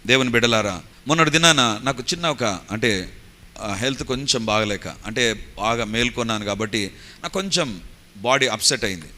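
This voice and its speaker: A man preaching a sermon, telling stories with animated rising exclaims and slipping English phrases in. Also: mid-range voice, moderate pace, pauses often. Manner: mixes English phrases into Telugu. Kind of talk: Telugu sermon.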